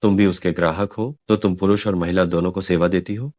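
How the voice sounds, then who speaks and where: An actor playing a cold, scornful rich young master in a Hindi drama dub. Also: male voice, deep voice, fairly even intonation, fairly quick, a little mellow, no echo, studio quality, faint music behind, lightly acted.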